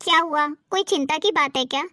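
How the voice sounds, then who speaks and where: A woman voicing the bride's gentle, polite mother who speaks with worry about her daughter. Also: sits high, brisk, no room sound, studio quality. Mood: concerned.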